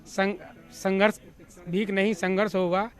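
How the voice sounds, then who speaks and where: A fairly high male voice speaking as a party supporter. He talks in fiery, slogan-like bursts. His words come out forcefully. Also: flat delivery, a little slow.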